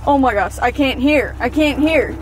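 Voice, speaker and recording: A woman's voice: high-pitched, moderate pace. A woman on a casual paranormal vlog out in the woods, relaying the words she hears. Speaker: ghost hunter relaying spirit messages. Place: outdoors in woods at night. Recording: noisy outdoor recording with ambient noise.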